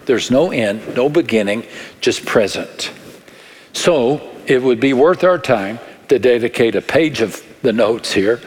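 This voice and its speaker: Slow-preaching West Texas man in a reverberant hall. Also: mid-range voice. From West Texas, United States. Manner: measured, deliberate, with short phrases and dramatic pauses. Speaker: pastor. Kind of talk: sermon. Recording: long echoing reverb of a large hall.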